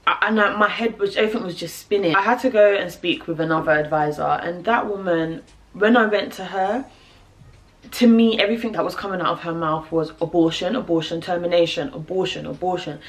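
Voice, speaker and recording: A young British woman telling a personal story to camera, animated and laughing, with lots of fillers. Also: fairly low pitch, brisk. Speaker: vlogger.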